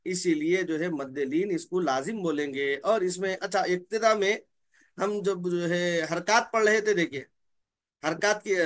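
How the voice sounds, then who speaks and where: A high-pitched, slightly bright male voice delivers a slow lesson on the rules of Quran recitation. He draws out the names of letters, returns repeatedly to key terms, and supplies answers to the questions he asks.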